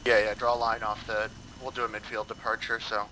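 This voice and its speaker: A man's voice: on the low side, flat delivery, fairly quick, bright, forceful tone, a little hiss or hum, low-quality recording. A man playing a helicopter pilot in a military flight sim, answering casually and making formal tower calls. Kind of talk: gaming chat and radio calls.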